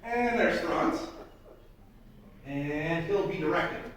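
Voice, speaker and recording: High-voiced showman in a very echoey space. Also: animated, slow, a bit bright. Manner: theatrical, mock-grand announcing with playful asides. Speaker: flea circus showman and host. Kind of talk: live showman patter to an audience. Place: live show space, heard from a distance. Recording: very echoey room, distant mic, faint noise.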